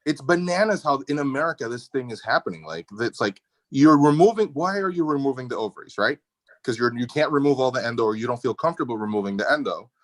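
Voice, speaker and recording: Fast and animated, this medium-pitched male voice has no echo and belongs to a middle-aged Dominican endometriosis surgeon appearing as a guest. He talks casually about medicine over a video call. His opinions come out forcefully, informal and peppered with slangy remarks.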